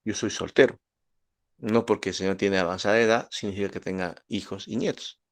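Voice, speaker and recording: A man's voice: fairly low pitch, steady tone, fast. A man from Peru, teaching statistics and often checking in with his students. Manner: asks students questions, gives everyday examples. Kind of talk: lecture to students.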